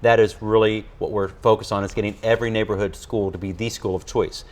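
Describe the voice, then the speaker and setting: A man's voice: lowish voice, fairly even intonation, a little fast. A man who leads a school district, answering in an earnest studio interview with many fillers and restarts.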